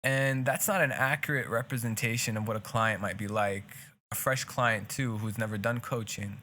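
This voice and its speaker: His pitch is fairly low and his tone steady, pushed and bright, at a moderate pace. A young man with a Hebrew accent, a native speaker of the language, he co-hosts a casual podcast and speaks earnestly in long, rambling runs with many restarts.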